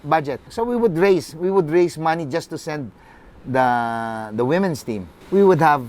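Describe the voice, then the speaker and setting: A middle-aged man with a Filipino accent, a football club CEO, telling his life story in a halting, earnest way. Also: fairly high pitch, lively intonation, a little mellow, a little hiss or hum. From Philippines. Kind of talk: personal storytelling.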